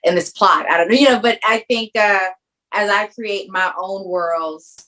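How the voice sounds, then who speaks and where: A woman's voice: mid-range voice, measured pace, a bit bright, poor audio. A woman filmmaker with a Caribbean background who grew up in New York, answering interview questions in a reflective, earnest way. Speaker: filmmaker guest.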